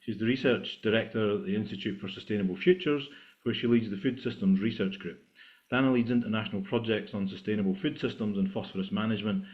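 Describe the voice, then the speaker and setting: Halting male chair over a tinny line. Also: fairly low pitch. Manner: halting, many 'uh' fillers. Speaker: session chair. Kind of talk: formal introductions at an online meeting. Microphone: video call. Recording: tinny video-call audio.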